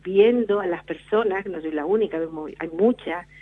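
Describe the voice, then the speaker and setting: A woman's voice: lowish voice, moderate pace. A middle-aged woman from La Palma, a novelist telling her story in a radio interview, often restarting her sentences. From La Palma, Canary Islands. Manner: reflective storyteller with frequent restarts. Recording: tinny phone line.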